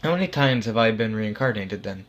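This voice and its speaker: A man's voice: lowish voice, animated, a little fast, highs cut off, lightly acted. A man voicing a bewildered middle-aged man who has just died and keeps questioning, in acted story dialogue. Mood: puzzled, worried. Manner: puzzled, questioning.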